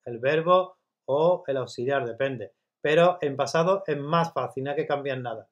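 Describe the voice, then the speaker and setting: A man teaching English grammar step by step in Spanish, patiently checking in with his students and reading example sentences slowly. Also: mid-range voice, lo-fi sound. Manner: patient, repeats checks like "¿vale?" and "¿de acuerdo?".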